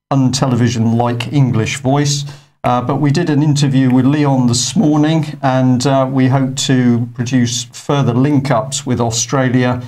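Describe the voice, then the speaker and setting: A man's voice: mid-range voice, darkish tone. A man presenting an online news show in a conversational, hesitant way with frequent fillers. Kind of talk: unscripted studio news talk.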